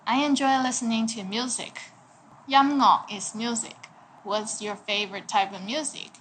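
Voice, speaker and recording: A woman in her twenties teaching a language lesson in a bright, chatty way, laughing at her own jokes. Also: a little high, fairly even intonation, normal speed. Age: 20s. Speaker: Cantonese teacher.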